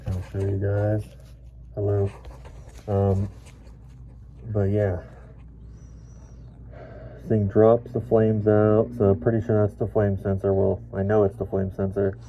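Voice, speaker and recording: A man's voice: fairly low pitch, completely flat delivery, takes it slowly, long pauses, a little hiss or hum. A man working as an HVAC technician, his voice muffled by the respirator he is wearing, explaining the job in a plain, matter-of-fact way from a cramped attic. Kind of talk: casual work-along explanation.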